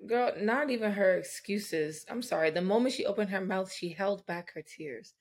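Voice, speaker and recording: A woman guesting on a podcast in casual chat, ranting expressively with loud playful outbursts. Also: mid-range voice, normal speed. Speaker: guest, a listener.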